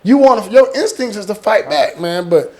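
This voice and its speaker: A man's voice: sits high, normal speed. Middle-aged man telling stories. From small-town Texas, United States. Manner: animated retelling, acting out quotes, repeating words for emphasis. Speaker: guest, military veteran. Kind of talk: casual personal storytelling.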